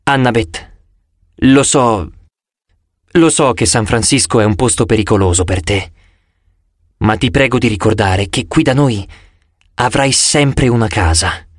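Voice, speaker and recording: A man's voice: mid-range voice, measured pace, pauses often, no echo, clean studio sound, pitched below the performer's own voice, natural voice. A man voicing a kind, flustered middle-aged professor and father in an audiobook. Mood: tender. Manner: soft, gentle, a little shaky.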